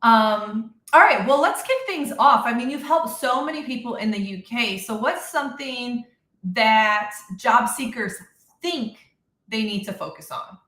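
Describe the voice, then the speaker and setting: A woman hosting a live career interview over a video call, bubbly and quick to laugh as she sets up questions. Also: on the high side, expressive, bright, forceful tone, echoey room. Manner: bubbly, laughs easily, self-described nerd. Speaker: host.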